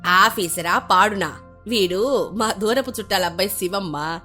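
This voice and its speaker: A woman's voice: medium pitch, measured pace, bright, forceful tone, faint music behind. Lady doing a blunt old mother-in-law, stingy type, cartoon story. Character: thrifty older mother-in-law, sharp-tongued.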